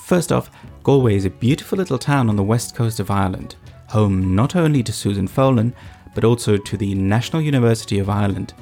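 A man's voice: fairly low pitch, animated, fairly quick, creaky, few pauses, mellow, faint music behind. A man presenting scripted documentary narration, explaining things and addressing the listener directly. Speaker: host, narrator.

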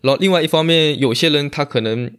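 Guy being interviewed, talks quick, explains stuff casually, repeats himself to make the point. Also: a little high, fairly bright tone, smooth. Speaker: interview guest, magician and bar owner.

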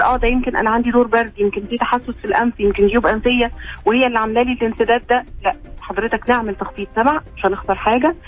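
A woman's voice: fairly high pitch, muffled recording. A female doctor with an Egyptian Arabic accent, giving explanations as a radio guest and checking that her listener follows along. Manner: explanatory, checks understanding with "okay?".

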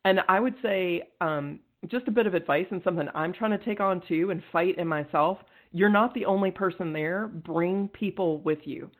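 Earnest, energetic woman podcast guest. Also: fairly low pitch, rough recording. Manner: energetic, earnest, quick to laugh. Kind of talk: casual interview conversation.

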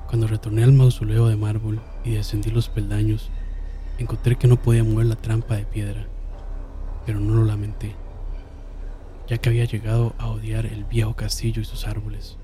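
A man narrating a horror story in a slow, solemn manner, dropping to a hush and swelling again. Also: fairly low pitch, completely flat delivery, slight background noise. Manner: slow, solemn, with hushed drops and sudden swells. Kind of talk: dramatic horror story reading.

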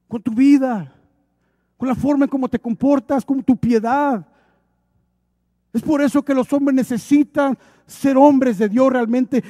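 A man's voice: very high-pitched, dark tone, dry recording, studio quality. A male preacher delivering an emphatic, exhorting sermon, lightened with humorous acted asides.

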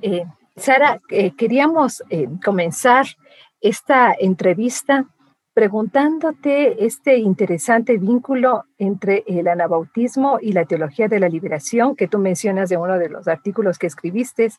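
A woman's voice: medium pitch, animated, a little slow, no room sound. A woman from Latin America with a Latin American Spanish accent, co-interviewing with long, thoughtful questions.

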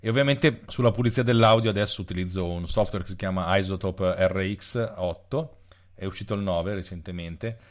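A man's voice: deep voice, fairly quick. A man talking as a programmer guest on a podcast, explaining things freely with frequent restarts. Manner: talks freely with restarts and trailing off. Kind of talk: casual conversation.

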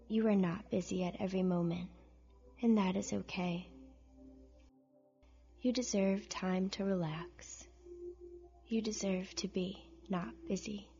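A woman leads a guided relaxation, speaking very slowly in a soft, breathy voice that often nears a whisper. Her gentle, soothing instructions come with pauses, over music in a slightly muffled recording. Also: medium pitch, fairly even intonation. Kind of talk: scripted guided relaxation meditation.

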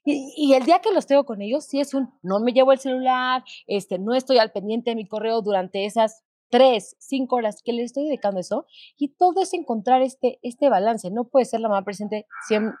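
A high-pitched woman, chatting candidly and animatedly on a podcast. She tells stories with quoted asides. Her voice sounds dry and close to the mic. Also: fairly quick, warm tone, dry recording. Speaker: podcast co-host. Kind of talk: casual conversation.

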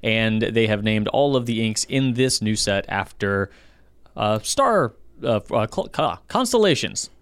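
A man co-hosting a casual podcast chat, getting animated and jumping up in pitch when excited. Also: a little slow, clean tone, no echo. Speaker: podcast co-host.

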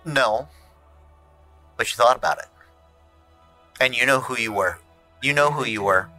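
A man's voice: mid-range voice, a little slow, bright, forceful tone, faint music behind. A man voicing a quirky, nasal male goblin who hoards shiny junk and rambles indignantly. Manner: fussy, rambling, mock-indignant.

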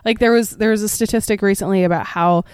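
A woman co-hosting a casual chat, earnest and quick to laugh between points. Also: medium pitch, darkish tone, clean tone, no echo, studio quality.

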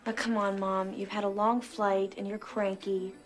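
An actress as a cool-headed young woman smoothing things over. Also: medium pitch, flat delivery, normal speed, natural voice. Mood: soothing. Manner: soothing, managing tone. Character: young woman bluffing calmly through chaos. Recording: film soundtrack with music underneath.

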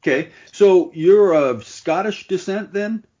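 A man hosting an interview, chatty and quick to laugh, sometimes searching for the right word as he asks his questions. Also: sits high, a little mellow. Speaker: interviewer, host. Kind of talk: casual interview. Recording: muffled lo-fi audio.

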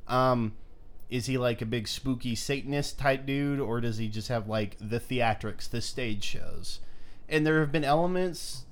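A man's voice: medium pitch, unhurried. A man co-hosting a wrestling review in casual comedic chat, with a wry, sarcastic manner. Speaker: wrestling review show co-host.

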